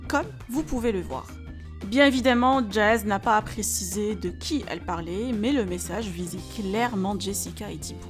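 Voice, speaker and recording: A woman reads celebrity gossip in a brisk, matter-of-fact scripted narration, at an ordinary middle pitch. Loud background music plays under her voice throughout.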